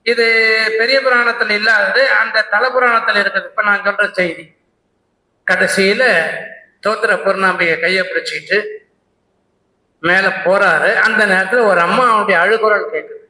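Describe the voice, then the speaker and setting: A man's voice: sits high, steady tone, normal speed, pauses often, bright, forceful tone, reverberant, rough recording. A man giving a devotional discourse at a religious conference, telling a sacred story and breaking into rhythmic hymn recitation. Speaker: Saivite religious speaker. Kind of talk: devotional discourse with chanted hymns. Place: conference hall.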